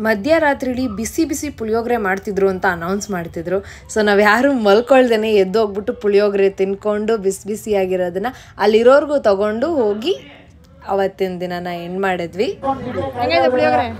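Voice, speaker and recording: A woman's voice: medium pitch, brisk. A woman vlogging on a walking pilgrimage, chatty and teasing, mixing English into her talk. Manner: chatty, teasing, switches between Kannada and English. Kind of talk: casual travel vlog with narration. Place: outdoors at a crowded pilgrimage camp. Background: crowd chatter.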